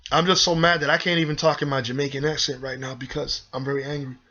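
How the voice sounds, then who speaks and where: Talking quickly and hard, a video host rants heatedly at his vlog audience, preaching, repeating himself, and addressing them as "y'all." His somewhat high, tense voice is pushed and bright, yet the delivery is flat, and the audio is dull and lo-fi.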